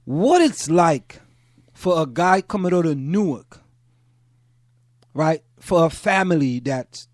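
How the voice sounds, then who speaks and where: A man from Trinidad hosting a casual talk show, an animated storyteller who acts out what others say into a studio microphone. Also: fairly high pitch, slow pace, no echo. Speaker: host.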